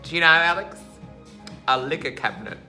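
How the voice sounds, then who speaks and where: Bright, campy Australian drag queen. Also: a little high, expressive, brisk, soft background music. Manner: camp, flamboyant, joking. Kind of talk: personal video message.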